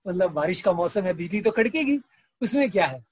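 A man's voice: sits high, sing-song, fairly quick, a little hiss or hum. A man voicing skeptical male church leaders who brush off an old woman's claims. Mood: dismissive. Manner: placating, dismissive. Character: three wary male church leaders, dismissive.

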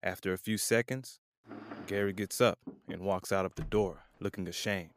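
A man reads the narration of an audio drama. He tells the story plainly and evenly in a fairly low voice. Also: fairly even intonation, normal speed.

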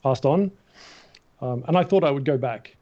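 A middle-aged Australian man, a guest in a casual interview, telling stories in an animated way and acting out the voices of the people in them. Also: mid-range voice, moderate pace. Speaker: guest, matte painter. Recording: dull, muffled recording.

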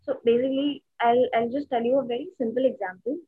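A woman's voice: on the high side, fairly even intonation, fast, husky. A woman with an Indian accent explaining things casually, mixing English and Hindi and often checking that the listener follows. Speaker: guest commentator on investing. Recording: tinny, phone-like narrow line.

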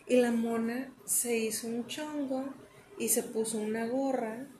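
Mexican gal on a podcast, kinda high voice, super slangy, tells stories doing all the voices. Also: female voice, measured pace, a little hiss or hum. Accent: Mexican Spanish. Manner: animated, slangy, acts out quotes. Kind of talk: casual storytelling chat.

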